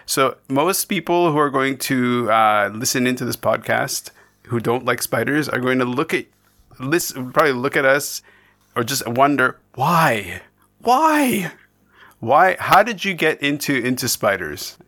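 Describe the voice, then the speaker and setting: A man's voice: medium pitch, lively intonation, unhurried, bright, forceful tone. A man from Canada hosting a podcast, chatting casually and rambling with many restarts and digressions. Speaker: podcast host. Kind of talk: casual interview chat.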